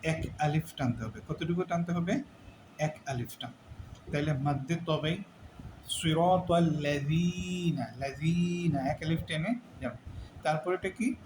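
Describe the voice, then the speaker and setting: A man teaching a Quran pronunciation lesson, slowly repeating syllables and quizzing the listener on each rule. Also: on the high side, roomy sound, background noise. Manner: slow, repeats syllables and asks questions to drill pronunciation. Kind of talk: tajweed lesson.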